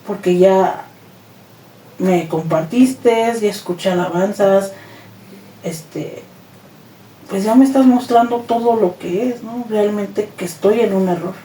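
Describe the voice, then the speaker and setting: Appearing as an interview guest, a Mexican woman gives her personal testimony, animatedly retelling events and acting out every quoted exchange. Her mellow, dark-toned voice is medium in pitch and slow, with long pauses, and the audio sounds roomy and a bit distant over faint noise.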